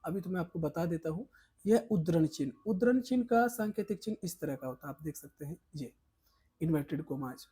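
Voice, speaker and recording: A man's voice: fairly high pitch, lively intonation, a little fast, dark tone, slightly rough. A male teacher giving an exam preparation lesson, talking emphatically and coaxing students, repeating his points with rising and falling stress.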